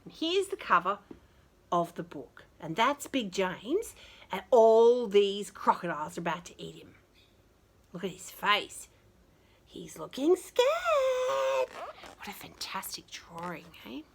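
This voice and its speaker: An Australian woman, a children's storyteller and teacher, reads a picture book to young children with chatty, affectionate asides. Her voice is medium-pitched, slow and husky, and she's expressive throughout.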